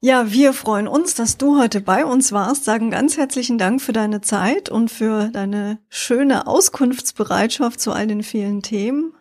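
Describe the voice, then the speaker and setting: A woman's voice: a little high, a little slow, hardly any pauses, darkish tone. A woman co-hosting a podcast, closing an interview with formal thanks. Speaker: podcast co-host. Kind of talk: interview sign-off.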